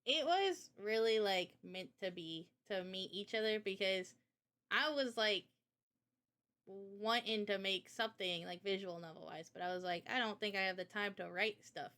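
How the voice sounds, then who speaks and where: A woman who develops visual novels hosts a livestream Q&A, chatting casually and giggly, laughing often as she talks. Her mid-range voice is fairly bright and her pace moderate.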